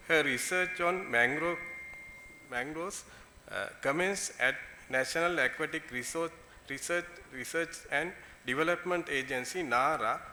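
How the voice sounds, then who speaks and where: A woman's voice: deep voice, bright, forceful tone, a little hiss or hum. A woman with a Sri Lankan accent formally reads a scripted speaker introduction, stumbling now and then. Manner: stumbles while reading. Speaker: conference presenter introducing keynote speaker. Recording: echoey room sound.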